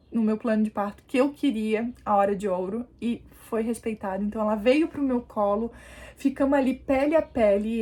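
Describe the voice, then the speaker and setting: A young woman with a high voice tells a personal story to her camera. She talks casually and animatedly, turning to her viewers often as she shows what happened. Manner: animated, addresses viewers as "gente", demonstrates positions. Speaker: vlogger, new mother.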